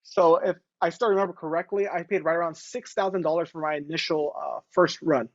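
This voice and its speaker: A man in his late twenties, a guest on a casual video interview, talking in a relaxed way with many fillers. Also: on the high side, fairly quick, no room sound, muffled recording. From Los Angeles. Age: 20s. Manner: relaxed, fillers like "going ahead". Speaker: guest entrepreneur.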